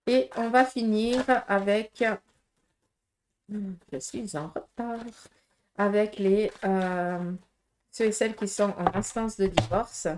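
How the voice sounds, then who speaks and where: A woman's voice: mid-range voice, steady tone, slow pace, a little mellow, slight background noise. A woman with a Swiss French accent giving a casual tarot reading to viewers, talking in a direct, frank way with many fillers and tag questions. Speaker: tarot reader.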